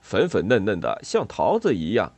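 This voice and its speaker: An excitable father marmot from a children's story, played by a man, loud and eager, tripping over his words. His voice jumps about in pitch, and the sound is dry and close. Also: moderate pace, no echo, full character voice.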